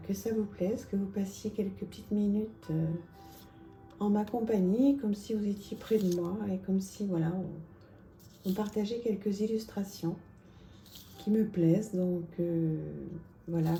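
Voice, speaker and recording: A woman presenting oracle card decks in a casual, chatty vlog, with lots of small pauses and fillers. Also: mid-range voice, dark tone, echoey room, soft background music. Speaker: tarot and oracle card reviewer.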